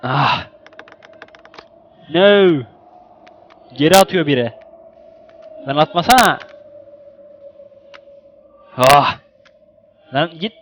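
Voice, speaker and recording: Excitable young man gaming. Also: fairly high pitch, very slow, pauses often. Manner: excitable, exclaims and grumbles at the game. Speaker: gaming YouTuber. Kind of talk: casual let's-play commentary.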